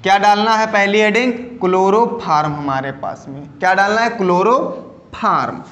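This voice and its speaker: A man's voice: sits high, animated, fairly bright tone, roomy sound, highs cut off. A man teaching a chemistry lesson on video, repeating key terms and quizzing his students as he goes. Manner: repeats key terms and asks the class questions; drawls terms out slowly.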